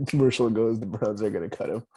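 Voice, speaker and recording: A man's voice: lowish voice, normal speed, dark tone, breathy edge. A young man co-hosting a casual podcast, teasing his friend and laughing often. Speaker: podcast co-host. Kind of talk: casual chat.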